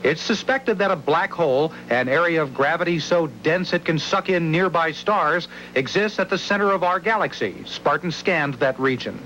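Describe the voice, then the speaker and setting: Male, high voice, TV correspondent, scripted narration, dull audio with faint hum. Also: moderate pace, few pauses, sharp tone. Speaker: television news correspondent.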